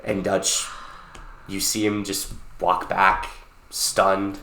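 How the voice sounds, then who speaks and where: Man, late twenties, podcast co-host, animated storyteller, low pitch, echoey room. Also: extremely slow, vocal fry, a little hiss or hum. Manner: animated storytelling, swearing freely. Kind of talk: casual chat.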